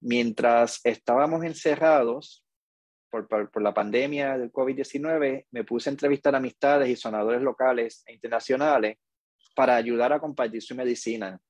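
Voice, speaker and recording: Measured podcast host. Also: male voice, mid-range voice, a little mellow, no room sound. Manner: slow, measured and earnest. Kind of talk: reflective podcast monologue.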